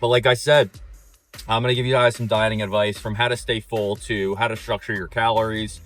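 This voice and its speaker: A man's voice: fairly low pitch, flat delivery, a little fast, fairly bright tone, faint music behind. A young man in college talking casually to the camera as a fitness vlogger, laid-back and rambling with lots of ums and likes. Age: young adult. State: slightly out of breath on a treadmill. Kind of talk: casual vlog chat.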